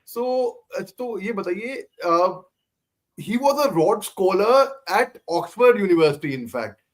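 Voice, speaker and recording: An Indian man conducting a casual interview in English, his voice a little on the high side. He speaks haltingly, repeating words and dropping into Hindi as he goes. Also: lively intonation.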